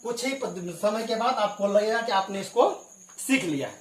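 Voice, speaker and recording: A man's voice: high voice, lively intonation, moderate pace. Hindi-speaking man teaching English, echoey room. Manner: explains patiently, spelling words out letter by letter; clears his throat now and then. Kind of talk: spoken classroom lesson. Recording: echoey room with crickets behind.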